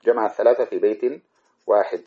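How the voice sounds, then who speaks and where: A man's voice: lowish voice, quick pace, phone-quality sound, a little hiss or hum. A man teaching a classical grammar lesson. He explains step by step, repeats himself and stops to correct his own slips. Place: study room with camera.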